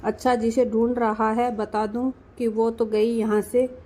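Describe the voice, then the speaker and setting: Old village granny, shrewd and teasing, slow, sharp questions, read by a woman storyteller. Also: on the high side, little pitch movement. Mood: probing.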